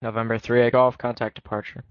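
A man working as an air traffic controller, issuing clearances in clipped radio phraseology. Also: mid-range voice, flat delivery, brisk. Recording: dull lo-fi radio audio.

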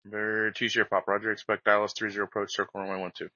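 A man's voice: lowish voice, level tone, rapid-fire, sharp tone, no echo. A man giving clipped, procedural air traffic control instructions over radio in a flight simulation. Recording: dry, dull band-limited radio audio.

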